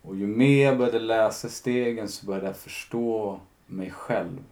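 This podcast guest speaks in a slightly mellow voice that sits on the low side. He tells his own story with candor and reflection, retelling conversations and leaning heavily on fillers.

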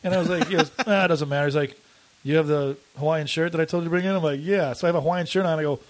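A man's voice: on the high side, very fast. A man in his twenties with a whiny voice, a comedian guest on a podcast, rambling through stories full of fillers and swearing. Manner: rambling, profane storytelling with many fillers. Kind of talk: casual podcast chat.

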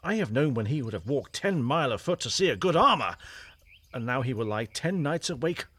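An actor playing a witty young bachelor soldier who scoffs at love, swinging between mutters and outbursts. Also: male voice, medium pitch, expressive, fairly quick, husky, no room sound. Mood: scoffing. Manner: mocking, mercurial, swinging from muttering to loud outbursts. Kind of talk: stage play performance.

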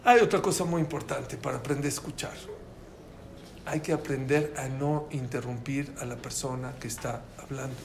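This man, a lecturer with a Mexican Spanish accent, delivers a lively talk about listening and puts questions to the people in the room as he goes. His mid-range voice has a creaky edge, and his pace is normal. The room echoes, with faint ambient noise audible.

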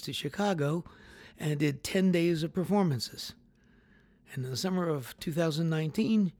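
A man's voice: a little high, a little mellow, no room sound. A man introducing poets as host of a poetry reading.

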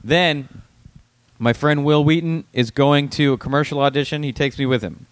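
A man's voice: fairly high pitch, moderate pace, no room sound. A man in casual chat, telling stories bluntly in the present tense with a bit of swearing.

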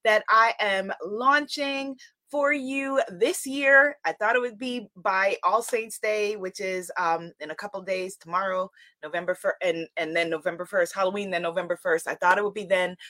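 A woman's voice: mid-range voice, steady tone, moderate pace, bright, forceful tone, no room sound. A woman hosting a live spiritual talk online, chatting with viewers in an exuberant, effusive way and repeating phrases for emphasis. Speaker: livestream host and spiritual teacher.

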